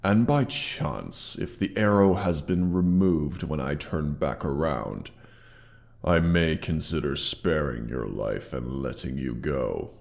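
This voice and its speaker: In a scripted roleplay audio, a man voices a proud, mighty male dragon who is haughty yet grudgingly grateful, with a proud, scheming mood. His rumbling low, gravelly voice is heavily acted, pompous and condescending, using deliberate theatrical phrasing. Sound effects processing is applied to the voice.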